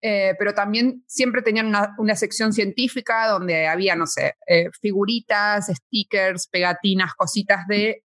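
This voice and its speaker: A woman's voice: mid-range voice, a bit bright. Woman, thirties, buenos aires accent, casual interview guest, chatty, laughs a lot. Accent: Rioplatense Spanish, Buenos Aires. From Argentina. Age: 30s. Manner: chatty, laughs often, many fillers. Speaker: guest, space science communicator.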